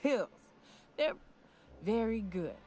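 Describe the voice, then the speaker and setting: Game casting: drunken frontier huntress, folksy rambler, very animated pitch, music underneath. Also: female voice, slow pace. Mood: tipsy bargaining. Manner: boozy, rambling, drawling folksy delivery with stumbles. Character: drunk, swaggering frontier woman monster hunter, crude and folksy. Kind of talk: video game dialogue acting.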